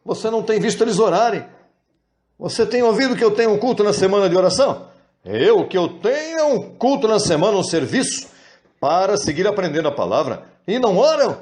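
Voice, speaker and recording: A man preaches with real animation. His voice sits fairly high, and he stretches words out for emphasis. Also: fairly quick. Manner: animated, acts out quoted prayers in high wailing voices. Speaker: pastor. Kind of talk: sermon.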